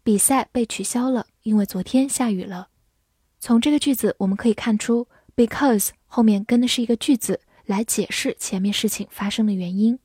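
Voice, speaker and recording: A woman teaches English vocabulary, spelling each word out slowly letter by letter. Her voice is mellow and somewhat husky, sitting a little high for a woman. The recording is dry and close. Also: dry recording. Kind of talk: vocabulary lesson.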